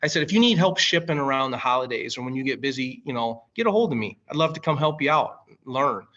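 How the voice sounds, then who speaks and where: A man in his late forties with an American accent, a firefighter and coffee company director, tells stories casually as a podcast guest, calling the listener "man" and "brother." He talks fast with lively intonation in a mid-range, somewhat bright voice, though the highs are cut off.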